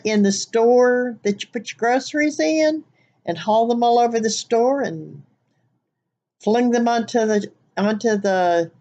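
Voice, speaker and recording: The audio is lo-fi, and the woman's mid-range voice has a darkish tone. She's an older vlogger from the American Midwest, chatting casually and somewhat ramblingly to her webcam from the living room couch for an accent tag video. Her accent combines Southern US with Wisconsin nasal twang.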